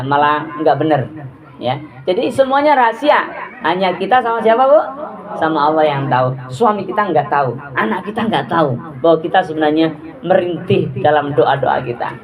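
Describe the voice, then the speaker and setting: A woman giving a religious talk to a group of women, lively and chatty, often asking her listeners questions. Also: on the low side. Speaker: religious teacher. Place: prayer gathering hall with audience. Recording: audience murmur behind.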